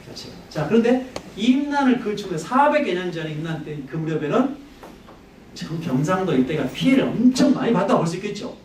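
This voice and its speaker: Male history lecturer, lively and pitch-swinging, quizzes the audience; echoey hall, slightly off-mic. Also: fairly quick, recorded from a distance, slight background noise. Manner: conversational, poses questions to the audience.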